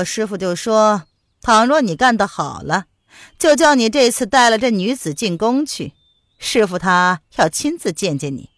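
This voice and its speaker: A woman's voice: mid-range voice, dry recording, studio quality, natural voice. A woman voicing a haughty fairy envoy, a man in disguise, who sneers and gives orders. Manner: scornful, commanding, sneering.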